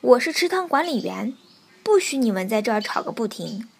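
A woman voicing a bossy, self-important duck who shouts stern orders as keeper of a pond in a storybook. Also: a little high, takes it slowly, vocal fry, slightly rough, full character voice. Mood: bossy shouting.

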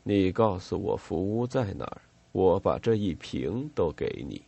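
An irritable, worn-out army lieutenant, read by a man. The voice sits low and moves slowly, clipped and exasperated, husky and dry. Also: big pitch swings, dark tone, dry recording, full character voice. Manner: curt and exasperated.

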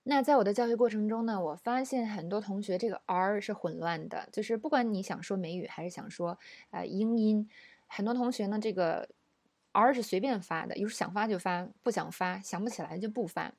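A woman's voice: medium pitch, brisk, a little mellow, no echo. Woman teaching English pronunciation, dry sound. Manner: patient explaining, models English words aloud. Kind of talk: recorded language lesson.

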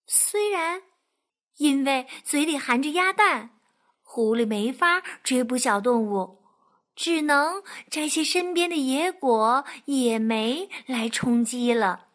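A woman reading a children's picture book aloud in a lively, expressive way. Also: high voice, slow. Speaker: storyteller.

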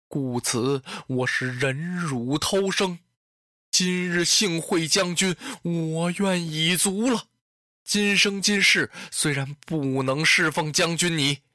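Weeping young beauty done by a storyteller, bright voice, lively pitch, pleading and reproachful. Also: no room sound, clean studio sound, exaggerated voice. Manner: tearful, pleading, drawn-out. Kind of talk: traditional storytelling.

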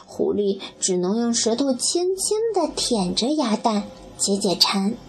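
A woman storyteller reads a children's tale in a high, slow and soft breathy voice, speaking gently to the little listener. Faint music plays behind her. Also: big pitch swings. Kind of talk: children's bedtime story reading.

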